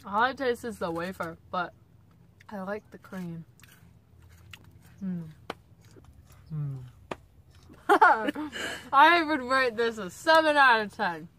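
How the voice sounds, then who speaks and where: A young woman with a higher, bright, forceful voice talks through a mouthful of food. She rates snacks bluntly in a casual chat outdoors. Faint open-air ambience sits behind her. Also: expressive, slow pace, long pauses, a little hiss or hum. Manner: chatty, gives blunt food ratings. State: chewing. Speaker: vlogger tasting foods. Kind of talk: casual taste-test chat. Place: outdoor school playground.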